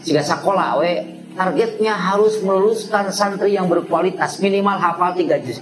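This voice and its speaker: A male preacher with a Sundanese accent giving a lively, joking sermon to a women's gathering, mixing in sound imitations. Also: high-pitched, moderate pace, background noise. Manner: switches between Indonesian and Sundanese, jokes, imitates sounds. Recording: echoey room with audience.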